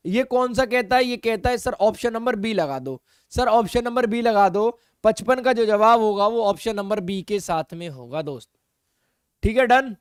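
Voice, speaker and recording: Guy doing an exam prep class, highish clear voice, pushes you along and repeats stuff, dry close mic. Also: dry recording. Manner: brisk, coaxing, repeats key phrases. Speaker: reasoning teacher. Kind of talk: exam-prep video lesson.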